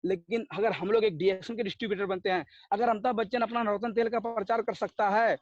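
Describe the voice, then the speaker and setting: High-voiced man giving a motivational pitch. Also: fairly even intonation, quick pace, no echo, dull audio. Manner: storytelling, rhetorical questions, acts out dialogues. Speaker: network marketing speaker. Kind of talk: motivational meeting talk.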